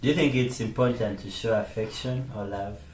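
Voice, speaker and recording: Deep-voiced man from Uganda asking questions. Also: fairly quick. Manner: soft-spoken, brief prompts and fillers. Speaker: interviewer. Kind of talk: interview questions. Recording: echoey room with faint noise.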